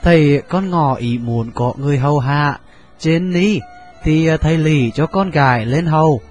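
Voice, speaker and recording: Một người đàn ông đọc truyện, đóng vai quan huyện lễ phép với mẹ, nói ngập ngừng, giọng miền Trung. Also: male voice, on the high side, normal speed, darkish tone, soft background music, lightly acted. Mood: deferential. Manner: hesitant, full of fillers. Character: district mandarin son, deferential and scheming.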